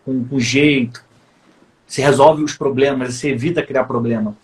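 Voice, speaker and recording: A man's voice: medium pitch, fairly even intonation, moderate pace. A man hosts a casual faith conversation and explains things patiently, like a teacher. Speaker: host.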